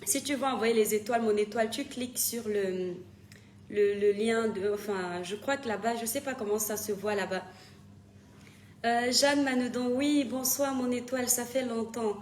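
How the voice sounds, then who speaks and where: A woman hosting a casual live stream, greeting viewers, laughing often and scolding them in an animated way. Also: on the high side. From Cameroon. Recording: echoey room with faint background noise.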